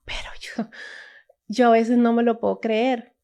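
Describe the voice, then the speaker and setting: A woman's voice: fairly high pitch, flat delivery, normal speed, dark tone. A woman from Latin America telling a casual, emotional personal testimony, full of restarts and asides. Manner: emotional, storytelling, many restarts and "o sea". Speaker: testimony speaker.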